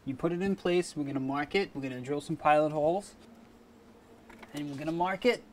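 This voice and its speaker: Male contractor, slightly high-pitched, informal step-by-step demonstrator, folksy and plain-spoken, some background noise. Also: brisk, darkish tone. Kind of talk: informal how-to product demonstration.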